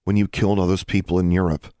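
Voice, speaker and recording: A man's voice: sits low, flat delivery, fast, dark tone, dry recording, clean studio sound, natural voice. A man voicing Alexandra, a brave but nervous young witch, with an earnest, lifted voice. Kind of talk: audiobook character voice.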